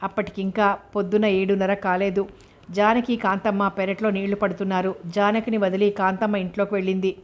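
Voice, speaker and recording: A woman narrating a serialized novel as an audiobook, in a steady, measured manner. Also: mid-range voice.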